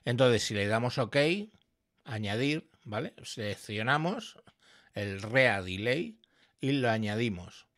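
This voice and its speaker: Slow-talking tutorial guy. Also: lowish voice, animated, a bit bright. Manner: explanatory, frequent "¿vale?" check-ins. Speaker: software tutorial presenter. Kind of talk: screen-recorded software tutorial. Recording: echoey processed signal through audio effects.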